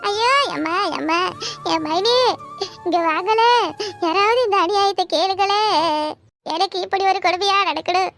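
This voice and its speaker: A woman voicing a theatrical young wife in a cartoon who laments loudly and makes bold vows. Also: extremely high pitch, expressive, brisk, faint music behind, heavily acted. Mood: wailing. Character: dramatic young wife, wailing and scheming.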